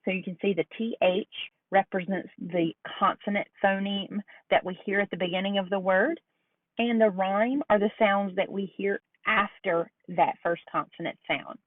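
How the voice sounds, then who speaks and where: A woman giving a recorded lecture on early reading skills, slowing down to model sounds and words carefully. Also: medium pitch, steady tone, dry recording. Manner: slow, deliberate modeling of sounds. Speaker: teacher educator. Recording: dry, phone-like lo-fi audio.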